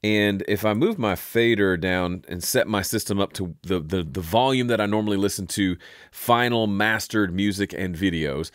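A man with a deep, resonant voice hosting an audio software tutorial in a relaxed, chatty way. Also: normal speed, no room sound, clean studio sound. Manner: relaxed, chatty, self-interrupting. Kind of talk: casual spoken tutorial.

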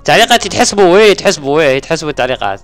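A man with an Algerian Arabic accent hosting a game livestream, repeating phrases over and over and thanking viewers excitedly. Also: fairly high pitch, rapid-fire, faint music behind. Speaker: gaming livestream host. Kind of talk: live-stream game commentary, thanking viewers.

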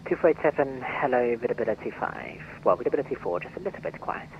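A man's voice: medium pitch, very animated, quick pace. Male air traffic controller over the radio. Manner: clipped and businesslike. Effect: heard over an aviation radio. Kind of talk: radio phraseology. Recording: dull lo-fi radio audio.

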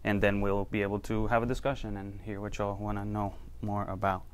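A man's voice: lowish voice, little pitch movement, fairly quick, clean tone. A man from Costa Rica presenting his research to a small audience in a lecture room, loose and conversational with many fillers. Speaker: university researcher giving a talk.

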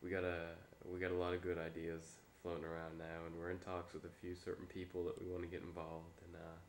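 A young man who is sick with a stuffy nose, giving a low-key, hesitant, rambling vlog update into a webcam. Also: completely flat delivery, a little fast, slight background noise. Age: young adult. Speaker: vlogger and amateur filmmaker. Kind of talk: casual, unscripted update vlog. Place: small room indoors. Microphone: webcam or laptop mic at arm's length.

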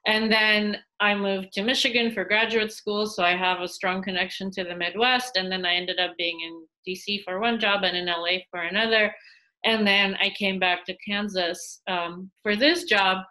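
On a video call from a small room at home, a Russian museum curator in her thirties gives a casual interview, full of fillers and restarts. She's animated and gestures as she talks, her mid-range voice moving at a normal speed. The laptop webcam audio is poor.

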